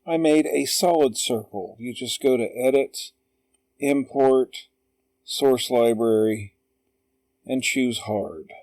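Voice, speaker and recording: A man narrates a digital drawing lesson over his screen recording, walking through each step in a calm, patient way. He speaks slowly and deliberately at a middle pitch. The sound is dry, with no room echo. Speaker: drawing tutor. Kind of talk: slow screen-recorded tutorial.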